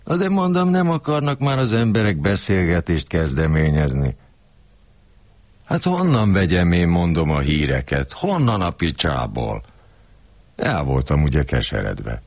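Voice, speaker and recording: A man's voice: low voice, very animated, no room sound. An older man performing a coarse, grumbling, rambling comic monologue.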